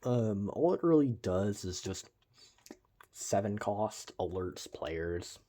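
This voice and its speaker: Speaking slowly in a dark, expressive, lowish voice, this young man rambles through his gameplay commentary, leaning on fillers like "like" and "uh" and tossing in sarcastic, wry remarks as a game reviewer.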